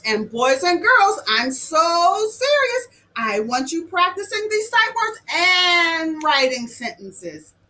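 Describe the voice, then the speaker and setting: Very high, slow-talking woman teaching kids. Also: rough recording. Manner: animated, sing-song, addresses kids directly. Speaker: children's show host and teacher. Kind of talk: children's lesson.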